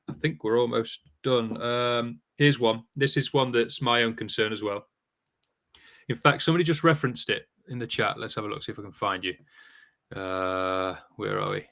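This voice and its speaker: A man's voice: mid-range voice, bright, forceful tone. A man hosting a live online Q&A, reading out viewer questions in a conversational way with many fillers. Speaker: host. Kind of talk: live Q&A show.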